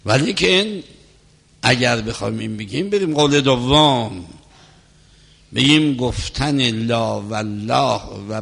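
A man giving a religious lecture on law as a cleric, explaining points in a measured, teacherly way. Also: medium pitch, creaky. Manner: measured, explanatory lecturing, recites scripture softly. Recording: long hall reverb.

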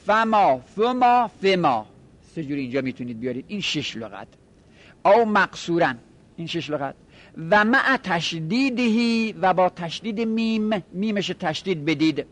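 A man teaching a grammar lesson, reciting word forms slowly over and over, then explaining them in quick asides. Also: high-pitched, a bit bright. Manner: drawn-out chanting repetitions of word forms.

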